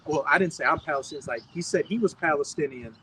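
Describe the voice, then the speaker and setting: A man reading scripture verses slowly outdoors and telling a casual story in between. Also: fairly high pitch, sharp tone, slight background noise, low-quality recording. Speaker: scripture reader at a street camp. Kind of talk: street preaching.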